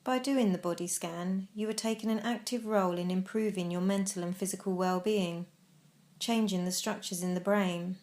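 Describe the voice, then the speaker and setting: A woman guiding a body scan meditation, speaking calmly with slow, measured pauses. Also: mid-range voice. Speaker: mindfulness guide. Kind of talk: guided meditation instruction.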